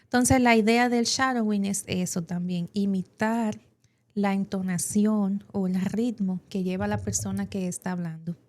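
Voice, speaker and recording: A woman's voice: medium pitch, fairly even intonation, a little slow, a little mellow. A woman with a Dominican Spanish accent, an English teacher explaining in an educational podcast with plenty of examples and fillers.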